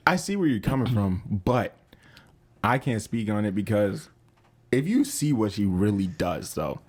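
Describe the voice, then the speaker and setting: A young man from Jamaica with a fairly low voice, joining a podcast chat. He sounds laid-back and answers mostly in short, joking quips. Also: sing-song, measured pace, darkish tone. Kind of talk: casual chat.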